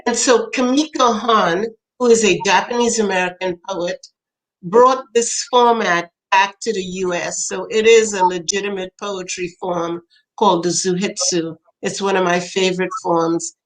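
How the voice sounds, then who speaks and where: An older woman from Trinidad, a poet being interviewed, telling family stories with lively quoted voices. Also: medium pitch, moderate pace, low-quality recording. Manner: animated storyteller, acts out quoted voices, laughs often. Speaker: poet and author, interview guest. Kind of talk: storytelling in conversation.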